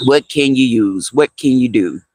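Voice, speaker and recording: A man's voice: mid-range voice, expressive, a little slow, a little mellow, no echo. A man hosting a casual livestream, chatting with viewers, answering their comments, repeating phrases and laughing often. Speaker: livestream host.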